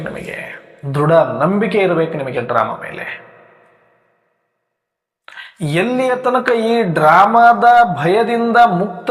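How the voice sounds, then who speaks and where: A man giving a reflective spiritual talk, asking rhetorical questions and building long repeated lists. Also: a little high. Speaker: spiritual teacher. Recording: echoey hall with long reverb.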